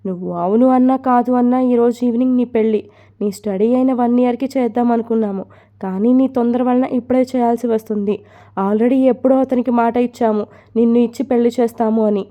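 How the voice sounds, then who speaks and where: A woman's voice: on the high side, steady tone, fast, muffled recording, natural voice. A woman voicing a strict mother who scolds her daughter and orders her about. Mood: scolding. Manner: scolding, commanding. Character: stern strict mother forcing a marriage.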